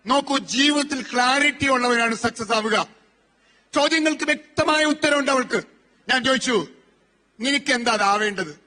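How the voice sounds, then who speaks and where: A man's voice: extremely high pitch, normal speed, sharp tone. A man in his forties giving a motivational speech, telling stories and asking rhetorical questions. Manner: storytelling with rhetorical questions and repetition. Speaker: motivational speaker.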